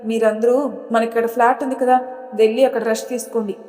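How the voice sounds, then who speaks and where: A man's voice: extremely high pitch, little pitch movement, quick pace, a little mellow. A woman voicing an earnest, insistent young man who comforts his mother and sister-in-law, told as a storybook with long reverb. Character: young man, family's protective younger son.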